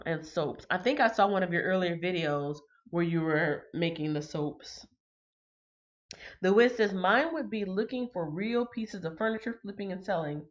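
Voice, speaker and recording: The recording is muffled, and the woman's voice sits on the low side. Hosting a casual livestream while slightly congested, she chats away, reads viewer comments aloud, and often says "um".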